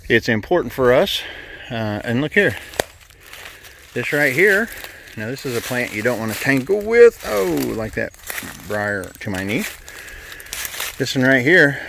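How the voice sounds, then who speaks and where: Strolling through fields and woodland, this middle-aged vlogger keeps up an easygoing, folksy commentary in a medium, somewhat bright voice. He gets winded at times, and there's a little noise in the background.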